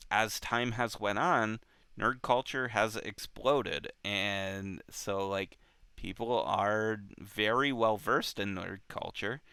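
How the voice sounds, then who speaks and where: A man hosts a book club show, speaking casually and unscripted in a halting way and often repeating himself. His voice is lowish, pushed and bright, with a clear, resonant tone and no echo.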